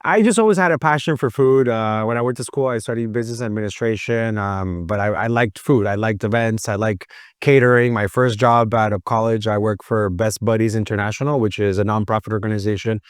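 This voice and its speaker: A man's voice: on the low side, a little fast, hardly any pauses, clean tone, no echo, studio quality. A man who owns a food boutique, talking casually and at length in an interview, with plenty of fillers. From Miami. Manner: relaxed and talkative, with frequent fillers.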